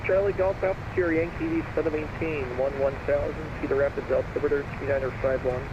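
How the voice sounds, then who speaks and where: A man's voice: a little high, level tone, fast talker, muffled recording. A man voicing an air traffic controller, heard as a radio transmission over a pilot's cockpit headset, in clipped, formal radio phrasing. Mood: routine.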